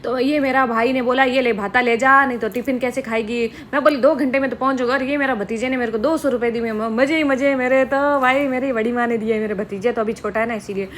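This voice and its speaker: A woman's voice: fairly high pitch, fairly even intonation, fairly quick, hardly any pauses, a little hiss or hum. A young woman with a Rajasthani accent, narrating a casual vlog in a playful, joking way. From Rajasthan, India. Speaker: vlogger.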